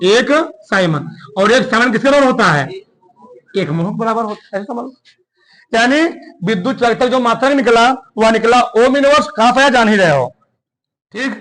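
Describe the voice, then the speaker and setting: High-voiced teacher quizzing his class. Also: a bit bright, poor audio. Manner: keeps quizzing the class with rhetorical questions and repeating key words. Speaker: chemistry teacher. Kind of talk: classroom lecture.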